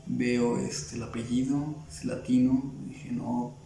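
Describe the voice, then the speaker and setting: A Mexican man speaks in a gravelly, heavily creaky voice with a dark, mellow tone, his Mexican Spanish accent plain throughout. He rambles through his story in a casual interview, leaning on fillers and restarting his sentences. His voice sounds roomy, with faint background noise. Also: medium pitch, level tone, slow. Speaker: illustrator guest.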